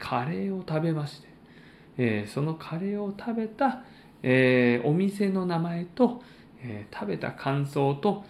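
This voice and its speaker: A man hosting a solo podcast, chatting in polite, formal announcer-like phrasing with frequent pauses. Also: a little high, vocal fry, darkish tone, reverberant, a little hiss or hum. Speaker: podcast host and stand-up comedian.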